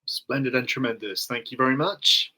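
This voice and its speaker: A man giving casual football opinions as a podcast panellist, rephrasing himself in a halting way. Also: mid-range voice, sharp tone, poor audio.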